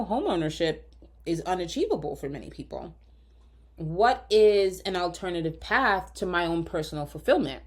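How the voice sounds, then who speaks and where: A woman physician hosting a solo podcast, talking earnestly and directly to listeners, slightly hoarse from a lingering cough. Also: on the low side. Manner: earnest, coaching, direct address.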